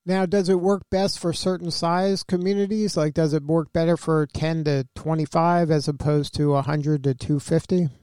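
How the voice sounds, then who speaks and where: A man's voice: a little high, steady tone, moderate pace, hardly any pauses, darkish tone, clean tone, no echo. A man hosting an interview, asking long, curious questions with hedging fillers. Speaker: interviewer, host.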